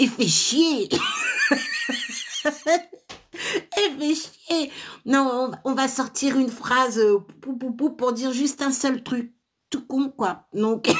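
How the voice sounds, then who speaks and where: A woman trainer, speaking live to viewers in an encouraging pep-talk, with frequent fillers and restarts. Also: slightly rough. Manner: laughs often, loud high laughs.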